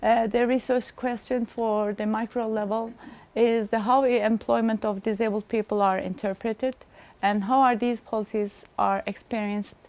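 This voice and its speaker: Halting middle-aged woman. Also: mid-range voice, vocal fry, a little mellow. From Turkey. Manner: halting, searching for words with frequent pauses. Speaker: researcher presenting at a seminar. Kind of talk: formal conference presentation.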